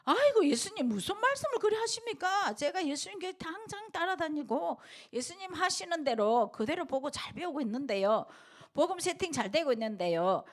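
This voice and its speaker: A woman voicing a frightened adult male disciple who protests and pleads, shrill and repeating himself. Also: very animated, normal speed, hardly any pauses. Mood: protesting.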